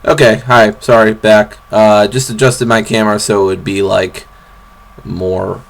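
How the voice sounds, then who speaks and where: A young man talks into his camera's built-in mic while sitting on a bed, drifting from topic to topic. His voice sits low and gravelly, and it is full of ums, restarts and apologies. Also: level tone, measured pace. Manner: rambling, apologetic, with many fillers and restarts. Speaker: vlogger. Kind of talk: rambling casual vlog.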